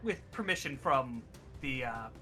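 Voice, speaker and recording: A man's voice: medium pitch, expressive, a little slow, sharp tone, soft background music. A man who is a player in a tabletop game, describing his character's actions in a slightly hesitant, casual way.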